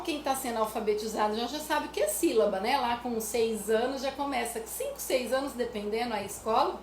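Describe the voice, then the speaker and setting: A woman from Brazil, explaining music activities for children to parents in a chatty way, often adding "né?". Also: on the high side. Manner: chatty, repeats "né?" often, sings nursery rhymes as examples. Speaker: music educator. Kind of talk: casual teaching talk to parents. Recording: echoey room with faint noise.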